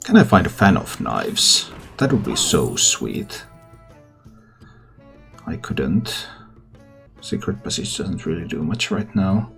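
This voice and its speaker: A man's voice: deep voice, sing-song, takes it slowly, vocal fry, pauses often, a bit bright. A man who hosts gaming videos, giving casual game commentary and thinking aloud. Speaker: gaming content creator and host. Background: background music.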